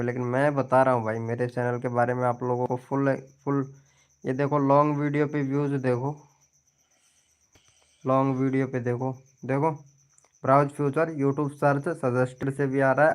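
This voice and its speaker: A man's voice: medium pitch, clean tone. A young man hosting a casual live stream, chatting and teasing his viewers by name as he shows them his channel.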